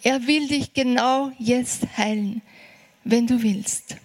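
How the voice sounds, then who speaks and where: A woman preaching a sermon, earnest and encouraging, slowing down for emphasis. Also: a little high, fairly even intonation.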